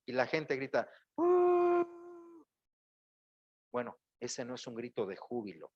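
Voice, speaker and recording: A man's voice: medium pitch, a little fast, muffled recording. A man, a pastor preaching a sermon in a church and calling out to the congregation. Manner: preaching with rising exclamations and acted-out quotes. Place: church sanctuary.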